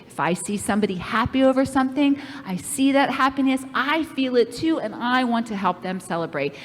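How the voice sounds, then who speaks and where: A woman leading a children's camp lesson, playful and animated as she speaks straight to the kids. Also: a little high, a little fast. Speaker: children's program leader. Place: church. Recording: echoey hall reverb.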